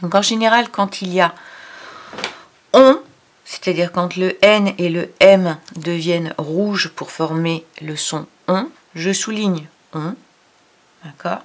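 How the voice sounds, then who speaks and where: A woman's voice: fairly low pitch, takes it slowly. A woman giving a reading lesson to a child, sounding out syllables and explaining patiently. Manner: addresses the child directly. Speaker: reading teacher.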